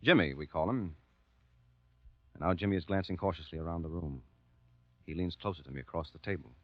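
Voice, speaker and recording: An actor playing a candid American war correspondent, plain-spoken and grave in 1940s radio drama style. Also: male voice, sits low, brisk, dry recording. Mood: grave, narrating. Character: American war correspondent narrating his story, wry, candid. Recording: dull old 1940s radio recording.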